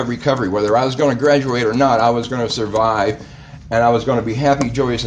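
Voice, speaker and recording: A man speaking at a recovery meeting, giving a halting, reflective personal testimony. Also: on the low side, slight background noise.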